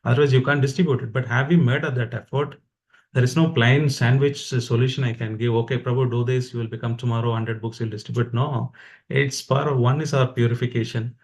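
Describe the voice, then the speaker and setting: In a medium-pitched voice with fairly even intonation, an Indian-accented man talks a little fast. He gives an informal devotional talk, encouraging listeners conversationally as one practitioner to others.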